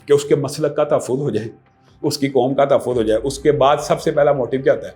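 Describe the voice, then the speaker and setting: A man's voice: medium pitch, fairly even intonation, a little mellow, soft background music. A man from Pakistan, a religious scholar answering interview questions emphatically and often asking rhetorical questions.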